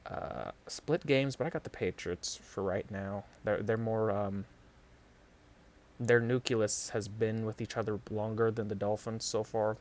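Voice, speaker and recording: A man's voice: on the low side, steady tone, darkish tone. A man with a New York accent hosting a podcast and chatting casually about football picks, with many fillers and restarts. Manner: halting, lots of fillers and restarts. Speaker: podcast host. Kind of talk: casual sports predictions chat.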